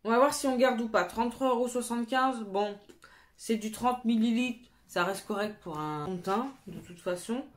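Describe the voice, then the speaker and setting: A woman vlogging about beauty products in a casual, chatty way, thinking aloud and quickly deciding what to keep or drop. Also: on the high side. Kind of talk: casual chat.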